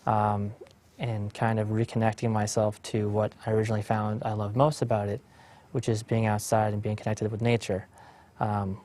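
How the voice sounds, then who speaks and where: A young man in his twenties from Massachusetts introduces himself on a panel. His voice sits low and stays flat and even. He speaks earnestly, with many fillers. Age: 20s.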